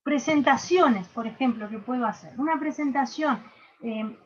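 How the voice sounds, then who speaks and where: A woman with a Uruguayan accent teaches an online workshop, her voice sitting somewhat high. She explains step by step, dropping fillers and asking if everyone follows. The sound is a bit dull and lo-fi, like a video call. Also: moderate pace. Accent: Uruguayan Spanish. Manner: explanatory, frequent filler "este" and checking questions. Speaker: workshop instructor.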